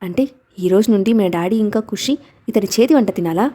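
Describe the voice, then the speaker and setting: A stern little boy from a storybook, bossy and indignant, guarding his father like a grown-up, as a woman reader puts him on. The tone stays mellow and soft-edged, even when he scolds. The boy voice sits close to the reader's own. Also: mid-range voice, fairly quick, close to an everyday voice.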